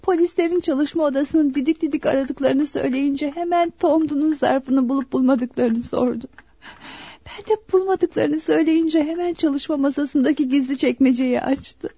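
An actress playing a young daughter in a radio drama, emotional and pleading. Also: female voice, high-pitched, moderate pace, mellow, no room sound. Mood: distressed. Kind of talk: 1960s Turkish radio drama acting. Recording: dull lo-fi dry archive radio recording.

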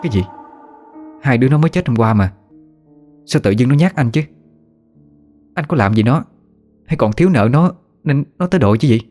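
A man's voice: mid-range voice, expressive, normal speed, pauses often, darkish tone, pitched above the performer's own voice, close to an everyday voice. A man voicing an exasperated young wife who nags and scolds her husband, over faint music. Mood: nagging. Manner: nagging, scolding.

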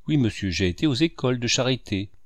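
A man's voice: mid-range voice, lively intonation, fast talker, dry recording, natural voice. A man voicing a frightened sixteen-year-old peddler boy, timid and pleading. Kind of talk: audiobook character reading.

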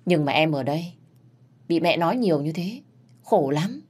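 A woman voicing a gentle young husband who defends his wife and speaks softly to her. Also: low-pitched, lively intonation, moderate pace, slightly rough. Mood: tender. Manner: pleading, soft.

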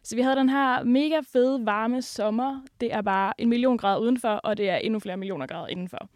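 A woman recounts café work chattily, sprinkling hesitant fillers. Her voice sits slightly high and sounds dry. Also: no echo. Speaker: podcast guest, café worker. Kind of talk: casual storytelling.

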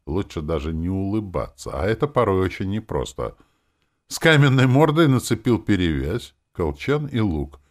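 A man narrating a first-person audiobook in a wry, dryly ironic storytelling voice. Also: low voice.

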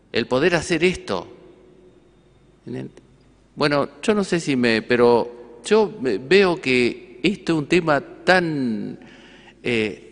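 A man's voice: medium pitch, a bit bright, in a large hall. A male priest with an Argentine accent giving a conversational sermon, often asking rhetorical questions. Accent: Argentine Spanish. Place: church.

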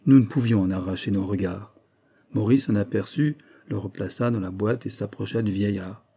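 A man reading a classic story aloud in a measured, dramatic way. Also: fairly low pitch, mellow, slightly rough. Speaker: audiobook reader. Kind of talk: scripted narration of a classic story.

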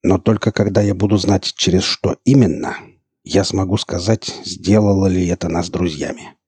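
A man voicing a seasoned male stalker who speaks in a slow, steady, gruff way. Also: low voice.

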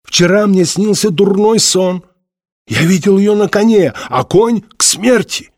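A man voicing an injured young man who talks in a hurried, anxious way. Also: sits high, a little mellow, no room sound, studio quality, voice pushed up.

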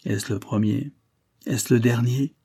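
A man reading an audiobook and voicing an anguished young gentleman who speaks in low, tormented murmurs. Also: fairly even intonation, takes it slowly, husky, no echo, clean studio sound.

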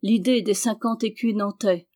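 A woman narrating an audiobook voices a timid young male peasant suitor, speaking humbly and stammering in a country manner. Her mid-range voice is warm and lightly acted, with fairly even intonation at a normal speed.

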